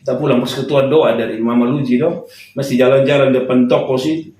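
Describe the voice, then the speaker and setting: A man's voice: medium pitch, steady tone, brisk, darkish tone. A young man, preaching a sermon as a pastor and telling a personal story with humor. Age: young adult. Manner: storytelling with humor, laughing at his own jokes. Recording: echoey hall, voice from far off.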